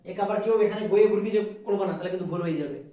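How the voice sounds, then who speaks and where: A man with a high voice teaches English pronunciation in a classroom. He drills his students by asking the same questions over and over. He is recorded from some distance in a very echoey room. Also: rapid-fire, warm tone. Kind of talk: classroom lesson.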